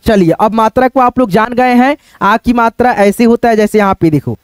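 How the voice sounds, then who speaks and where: A man's voice: extremely high pitch, fairly quick, smooth, no echo. A man teaching the script in a repetitive, patient way, often asking his viewers check questions. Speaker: online Hindi teacher. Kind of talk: teaching at a board, explaining step by step.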